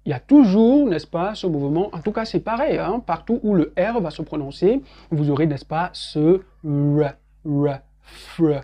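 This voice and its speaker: A man teaching English pronunciation online, his voice mellow and warm. He works through words slowly and says each one several times, pausing to check in with his listeners. His delivery is patient and methodical. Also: a little high, lively intonation. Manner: drills words slowly and repeats them, often adds "n'est-ce pas". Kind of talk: online language lesson.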